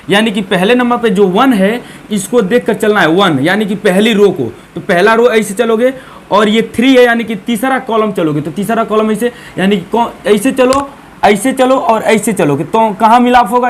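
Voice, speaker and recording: A man walks students through a maths exercise in an easy, conversational way, keeps checking they follow him. His voice sits high. There is faint background noise. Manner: chatty, repeats "ठीक है ना", counts aloud. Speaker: maths teacher. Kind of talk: casual Hindi classroom lesson.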